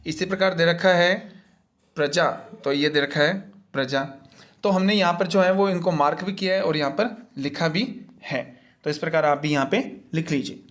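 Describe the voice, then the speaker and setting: A man's voice: a little high, normal speed, fairly bright tone. A man teaching as he walks through a worksheet's answers, explaining each one patiently and step by step in a repetitive way.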